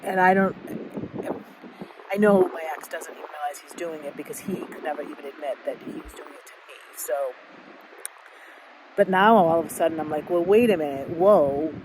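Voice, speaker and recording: A middle-aged woman speaking candidly in a halting, reflective personal monologue, with many fillers and restarts. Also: deep voice, noisy background. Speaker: podcast host.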